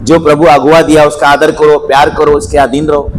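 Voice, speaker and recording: A male pastor preaching with a voice pitched a touch high, swinging between scolding and humorous storytelling. A clear layer of noise sits under the recording. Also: level tone, fairly quick, poor audio. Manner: scolding, preachy with comic stories and shouted Hallelujahs. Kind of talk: sermon.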